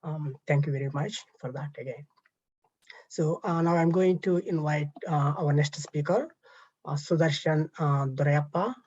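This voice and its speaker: Man, panel host, husky and monotone, hesitant, dull dry call audio. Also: on the high side, normal speed, dry recording. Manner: hesitant, stumbling with fillers. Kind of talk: hosting an online panel. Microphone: video call.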